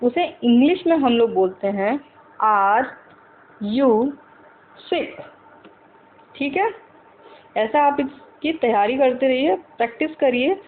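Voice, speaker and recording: Lady teacher doing a spoken english lesson, kinda high voice, slow, asks questions a lot, sounds like a phone line. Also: lively intonation, a little hiss or hum. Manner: slow, repeats example sentences several times; keeps asking the viewers questions.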